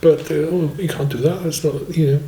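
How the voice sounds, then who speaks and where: A man in his sixties from Swansea, a musician telling his life story in a relaxed, rambling way and often saying "you know". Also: a little high, a little fast. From Swansea, Wales. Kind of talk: relaxed autobiographical chat. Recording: echoey room.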